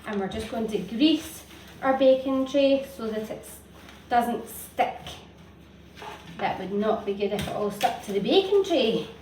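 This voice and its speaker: A fairly high-pitched, expressive woman with a slightly mellow voice speaks at a measured pace, hosting a children's baking show. In a home kitchen, she gives kids simple, encouraging instructions one step at a time. The recording is echoey and noisy, captured from a distant mic with utensils clattering.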